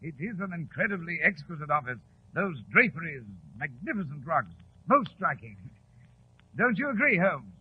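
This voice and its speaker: An actor playing a genial, easily flustered English doctor and sidekick with a British accent, in an old radio drama. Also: male voice, on the high side, very animated, normal speed, a little hiss or hum. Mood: puzzled, affable. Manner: hesitant, fussy, affable. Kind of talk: 1940s radio drama acting and narration. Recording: muffled, lo-fi 1940s radio recording.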